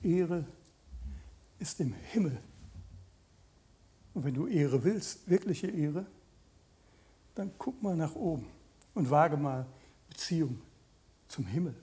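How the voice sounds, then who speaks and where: Preaching in a conversational style, this late-fifties man stops partway through sentences and addresses questions straight to his audience. His pitch is a little high, with lively intonation and a dark tone.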